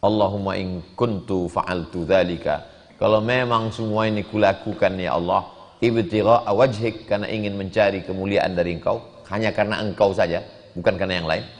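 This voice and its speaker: Lively preacher in an echoing hall. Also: male voice, low-pitched, moderate pace. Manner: animated storytelling, quoting and translating Arabic. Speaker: religious teacher. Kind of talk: sermon. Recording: long hall reverb.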